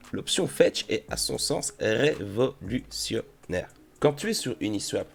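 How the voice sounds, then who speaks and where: A crypto YouTuber walks through a tutorial in a casual, chatty way, addressing the viewer familiarly like a buddy. His voice is lowish with vocal fry.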